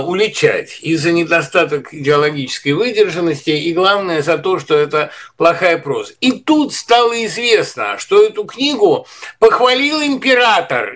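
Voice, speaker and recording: Male commentator, high-pitched, lecturing and digressive, political talk. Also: fairly bright tone. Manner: lecturing, digressive, full of literary references.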